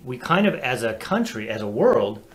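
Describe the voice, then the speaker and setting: A man co-hosting a casual talk show, animated and chatty, laughing easily. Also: mid-range voice, moderate pace. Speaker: co-host. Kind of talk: casual chat.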